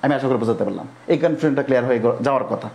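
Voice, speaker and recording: A man's voice: medium pitch, rapid-fire, creaky, a little mellow, reverberant, slight background noise. A male Bangladeshi teacher giving a classroom grammar lecture, often quizzing the students with questions and spelling words out letter by letter. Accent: Bangladeshi Bengali.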